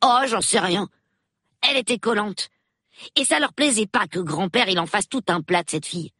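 A man's voice: high-pitched, sharp tone, husky, dry recording, studio quality, voice pushed up, full character voice. A man voicing an eager, chatty boy of about nine in a storybook reading. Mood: excited. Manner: eager, rapid, gossipy.

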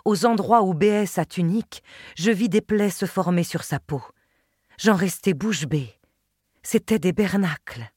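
A woman reading a literary novel aloud in a measured, expressive first-person telling, close to the mic. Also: on the low side, slightly rough, no room sound. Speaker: audiobook narrator. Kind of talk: literary audiobook narration.

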